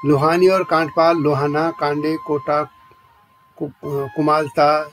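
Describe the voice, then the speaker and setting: A male journalist giving a scripted documentary narration, reading out long lists of names and places in a measured way. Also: a little high, level tone, soft background music. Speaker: journalist narrating a channel's history series.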